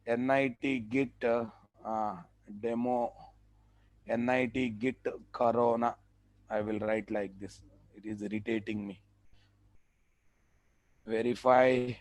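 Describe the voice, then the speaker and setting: A man with a South Indian, Telugu-influenced English accent, teaching a live online software class in short instructions that he often repeats. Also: mid-range voice, little pitch movement, slow pace, pauses often, no room sound. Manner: repeats phrases, clipped instructions. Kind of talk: live online tutorial, addressing students.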